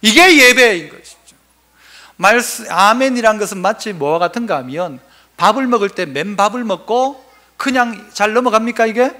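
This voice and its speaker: A man's voice: sits high, lively intonation, moderate pace, bright, forceful tone. A male pastor preaching a sermon, asking the congregation questions and answering them himself.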